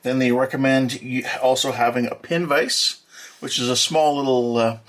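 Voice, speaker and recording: A man walking through an unboxing as a hobby model builder, talking in a plain, matter-of-fact way with many filler pauses. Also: mid-range voice, steady tone, a bit bright. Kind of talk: unboxing walkthrough.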